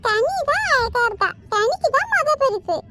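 A stubborn, cheeky young boy speaks bluntly, voiced by a woman. The voice sits very high and lively. Clear hiss sits behind it. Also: moderate pace.

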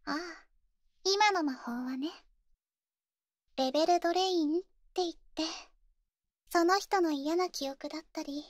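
Girl voice actor doing possessive witch caretaker, ASMR role-play, super high voice, sweetly babying but menacing, dry close mic. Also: measured pace, pauses often, no room sound. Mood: smugly menacing. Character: possessive female wizard, coddling and controlling caretaker. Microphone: close, dry studio microphone.

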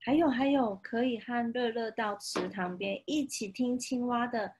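A woman with a Taiwanese Mandarin accent reading a picture book to a toddler, playful and expressive, pausing to ask the child questions. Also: a little high, a little hiss or hum, rough recording. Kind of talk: interactive read-aloud storytelling to a toddler. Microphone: video call.

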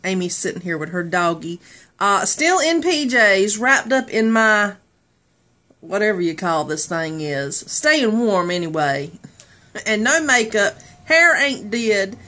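A woman's voice: mid-range voice, very animated, slow pace, bright, forceful tone. A woman, chatting casually to the camera, laughing often. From southern United States. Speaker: vlogger. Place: in a car, then at home indoors. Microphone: phone camera at arm's length.

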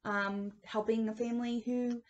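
A woman's voice: a little high, little pitch movement, moderate pace, lo-fi sound, a crowd in the background. Woman co-teaching a kids' church lesson. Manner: affirming, adds short supportive comments. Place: church library with bookshelves.

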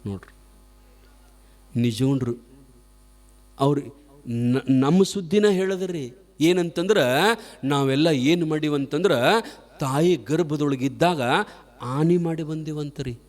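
A man's voice: a little high, takes it slowly, pauses often, a little mellow, big-room sound. A man with a North Karnataka accent giving a humorous spiritual sermon, telling a story with repetition and rhetorical questions to the audience. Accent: North Karnataka Kannada. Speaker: preacher.

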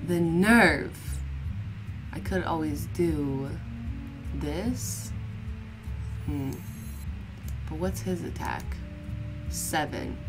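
A woman's voice: sits low, drawn-out words, pauses often, over music. A woman streaming a game, reacting to play with profane, mock-outraged trash talk. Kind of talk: live gameplay commentary.

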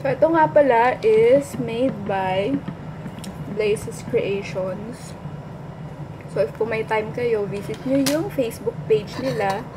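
A woman's voice: on the high side, slow, noisy background. A middle-aged woman with a Filipino accent, chatting casually while she eats on camera, laughing often. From Philippines. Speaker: food vlogger. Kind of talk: casual mukbang chat, mixing Tagalog and English. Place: small indoor workplace room. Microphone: built-in mic of a front camera at arm's length.

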